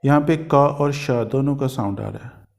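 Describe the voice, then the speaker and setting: A male teacher from India giving a pronunciation lesson, slowly repeating each example word several times. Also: medium pitch, creaky, a little mellow. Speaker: language teacher.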